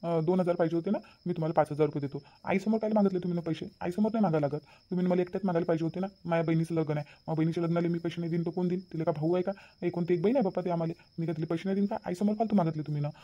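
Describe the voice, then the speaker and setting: A man's voice: a little high, warm tone, muffled recording, natural voice. A man voicing a kind young nephew in a cartoon, earnestly reassuring his aunt. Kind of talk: cartoon voice acting.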